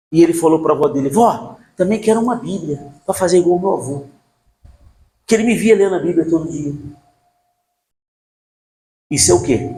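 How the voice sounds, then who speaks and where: A man's voice: on the high side, creaky, a little hiss or hum. An older man preaching a sermon as pastor, asking the congregation questions and telling stories from his life. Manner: rhetorical questions to the congregation, animated storytelling.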